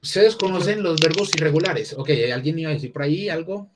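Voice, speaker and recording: A man's voice: a little high, fast, noisy background. A man teaching an English class online, talking casually and thinking aloud with many restarts.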